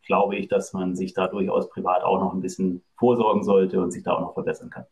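A man's voice: low-pitched, little pitch movement, brisk, a little mellow. A middle-aged man from Germany, a guest in a casual interview, speaking hesitantly with many fillers.

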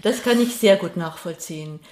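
A middle-aged woman from Passau, Bavaria, Germany, speaks casually and reflectively as an interview guest, hesitating as she thinks aloud. Her voice is fairly low at a moderate pace, with crowd noise and a roomy, echoey sound.

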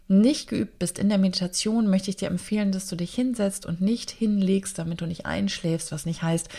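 A woman's voice: mid-range voice, creaky, a little mellow. A woman hosting a meditation show, giving an informal spoken introduction and talking directly to the listener.

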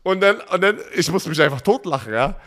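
Chatty German man, slightly high voice. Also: a little fast. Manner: chatty, bursts of laughter, excitable retelling. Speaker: podcast co-host. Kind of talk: casual chat.

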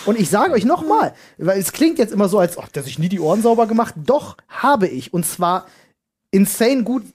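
A man co-hosting a casual podcast, telling an animated, slangy story. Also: sits high, moderate pace, husky. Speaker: podcast co-host. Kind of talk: casual chat.

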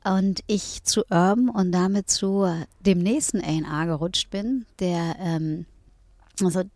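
A middle-aged woman from northern Germany, talking as an interview guest in a thoughtful way, pausing often with fillers. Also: fairly low pitch, darkish tone, dry recording. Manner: thoughtful, with many hesitations and fillers. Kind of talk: reflective conversation.

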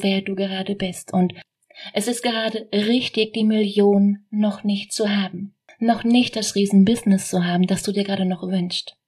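Husky woman coaching her listeners. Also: medium pitch, a little mellow. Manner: direct, coaching, addresses listener with rhetorical questions. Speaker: podcast host, business coach. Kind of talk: motivational podcast monologue.

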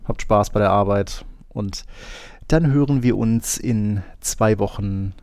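A man's voice: lowish voice, slow, darkish tone, no echo, studio quality. A man co-hosting a casual tech podcast, rambling with many fillers and telling grumbling, wry stories. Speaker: podcast co-host. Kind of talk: casual chat.

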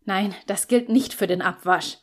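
A moody young man who grumbles and gives in reluctantly, read by a woman in an audiobook. His lines come short and curt, barely lower than the reader's own voice. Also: fairly even intonation, brisk, natural voice. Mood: grumpy. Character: grumpy, easily irritated young male flatmate.

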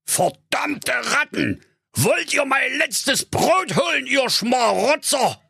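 A cranky old miser snaps and grumbles in a raised, gravelly, raspy voice, as a man puts him on. He sounds close and dry, like a comic storybook reading. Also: extremely high pitch, big pitch swings, a little slow, sharp tone, no echo, pitched above the performer's own voice, exaggerated voice. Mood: grumpy. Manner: grumbling, cursing, snappish. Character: grumpy stingy old male junkyard owner.

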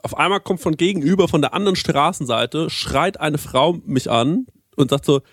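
Animated man ranting in casual chat. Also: fairly high pitch, normal speed, no room sound, clean studio sound. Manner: animated storyteller, self-pitying rants, lots of fillers. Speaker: podcast co-host. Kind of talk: casual chat among friends.

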